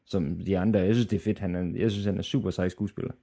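A man with a low, gravelly voice talks about films in a loose, casual way. He gropes for the right word and repeats himself as he goes. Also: fairly even intonation, mellow. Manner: searching for words, many restarts. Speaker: podcast co-host. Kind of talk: casual film chat.

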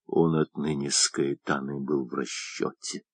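A man narrating a literary novel in an expressive, dramatic reading style. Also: a bass voice, unhurried, dry recording, studio quality. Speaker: audiobook narrator.

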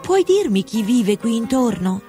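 A polite, curious young girl , read by a woman narrator, asks her questions in a lightly raised, lively voice. Faint music runs under the storybook reading. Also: fairly high pitch, measured pace, voice pushed up. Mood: inquisitive. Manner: polite and inquisitive.

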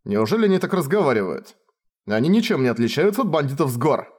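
A man's voice: on the high side, very animated, fast, darkish tone, breathy edge. A man voicing a tired, sardonic young traveler who answers with exasperated retorts. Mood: impatient.

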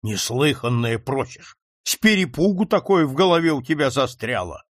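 A man's voice: medium pitch, sing-song, moderate pace, fairly bright tone, no room sound, studio quality. A man reading an audiobook, voicing an exasperated older male captain who scolds a begging merchant. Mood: scolding. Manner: scolding, incredulous.

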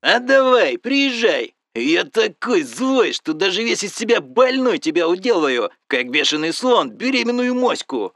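A man voicing a furious, beaten-up young man in audiobook dialogue, shouting insults and ranting. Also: high-pitched, sing-song, takes it slowly, hardly any pauses, no room sound, heavily acted.

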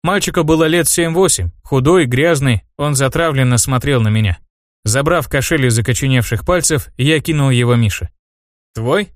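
A man's voice: mid-range voice, normal speed, no echo, studio quality. Man narrating a fantasy audiobook. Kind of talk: first-person audiobook narration.

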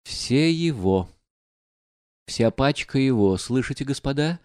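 A man reading an audiobook voices a proud, reckless young woman who gives commands in a high, mocking tone. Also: animated, slow pace, darkish tone, smooth, no echo, studio quality. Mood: defiant, commanding.

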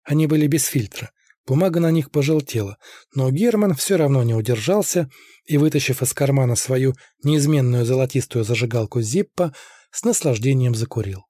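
Husky man reading an audiobook. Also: medium pitch, animated, moderate pace, dark tone, no room sound, clean studio sound. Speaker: narrator. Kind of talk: audiobook narration.

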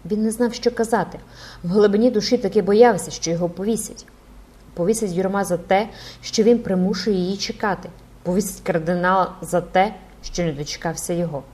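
A woman reading a classic novel aloud in a measured, expressive audiobook narration. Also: mid-range voice, husky.

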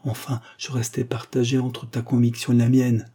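A man's voice: medium pitch, monotone, normal speed, dark tone, slightly rough. A man reading the lines of a passionate young woman in love, in an ardent, pleading way. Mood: earnest.

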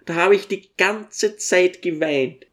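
A reader voicing a tiny, humble old dwarf who tells his story with gentle deference in an audiobook. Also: medium pitch, slow, lightly acted. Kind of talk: audiobook character reading.

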